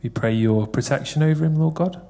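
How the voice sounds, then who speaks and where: A man prays aloud in church for someone, his voice fairly high, mellow, and brisk. He's earnest and repeats phrases as he goes.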